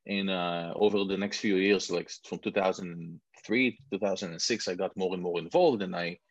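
The guest is an entrepreneur from Israel in his forties, with a deep, steady voice at normal speed and an Israeli accent. Chatting casually in the interview, he pokes fun at himself and keeps restarting sentences; the sound is dull, muffled, lo-fi and echo-free.

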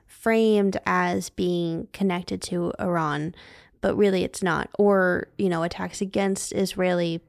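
A woman co-hosting a podcast in quick, chatty back-and-forth conversation. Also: lowish voice, fairly even intonation, creaky, dry recording, studio quality. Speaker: podcast co-host. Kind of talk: casual chat.

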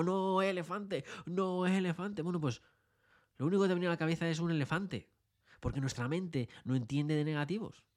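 Animated man hosting a podcast. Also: a little high. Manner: animated, mimics protest chants. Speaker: podcast host. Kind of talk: motivational podcast monologue. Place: his office.

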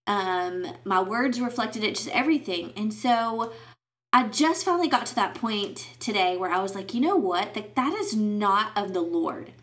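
On her casual faith podcast, a woman talks candidly and rambles, with plenty of fillers and restarts. Her voice is mid-range and fairly bright.

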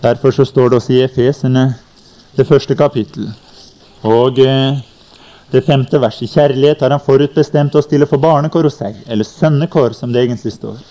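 A man's voice: medium pitch, steady tone, dark tone. A man preaching a sermon at a summer convention, teaching plainly and quoting scripture, recorded on an old cassette tape. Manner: plain teaching tone with scripture quotes and "ikke sant". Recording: 1990 cassette recording, uneven quality.

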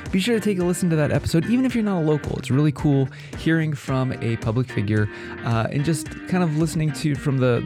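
A man with a nasal voice stuffed up by a head cold, chatting casually and playfully to listeners as a podcast host. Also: medium pitch. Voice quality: nasal, congested voice.

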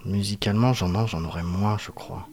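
A man's voice: fairly low pitch, fairly even intonation, fairly quick, a little mellow. A man from France, an actor, speaking reflectively in a casual interview, often hesitating as he searches for words. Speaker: guest actor.

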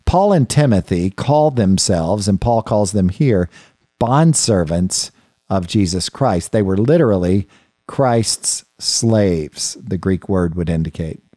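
A man teaches an unscripted Bible study lesson in a thoughtful, conversational manner, frequently restarting phrases and turning aside to his listeners. His low voice is warm, expressive and slow. The recording is dry, with clean studio sound.

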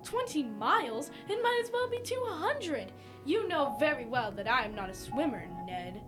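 High, distant female-acted Professor Aronnax, over music. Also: normal speed. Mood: uneasy. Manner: dramatic, wondering, expressive. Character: earnest, awestruck professor, narrating an undersea voyage. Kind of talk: radio theatre narration and dialogue.

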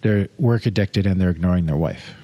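Low-voiced man giving marriage advice. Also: fairly quick, warm tone, no room sound, muffled recording. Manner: earnest and advising, often tags on "right?". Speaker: podcast co-host, marriage counselor. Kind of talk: advice-giving casual chat.

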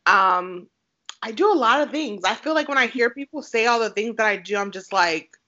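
Bright-voiced young woman from Haiti. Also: on the high side, lively intonation, normal speed. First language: Haitian Creole. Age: 20s. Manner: warm, upbeat, frequent "um" and "like". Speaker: podcast guest. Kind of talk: casual interview chat. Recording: slightly lo-fi podcast audio.

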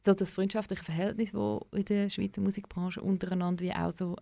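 A woman's voice: mid-range voice, level tone, fairly quick, vocal fry, warm tone, no room sound. A woman with a Swiss German accent talking casually as an interview guest, enthusiastic and searching for her words. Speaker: radio presenter as interview guest.

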